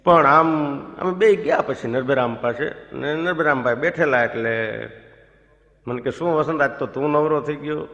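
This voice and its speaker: Onstage in an echoey hall with long reverb, a stand-up comedian spins chatty comic stories at a normal speed, his fairly high voice bright in tone, though the recording cuts off the highs. He acts out his friends' quoted lines as the audience laughs.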